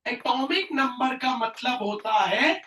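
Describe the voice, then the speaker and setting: A man teaching a classroom chemistry lesson as a tutor, asking questions and answering them himself, with loud bursts of emphasis and English science terms mixed into his speech. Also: very high voice, animated, takes it slowly. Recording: echoey room, mic at a distance.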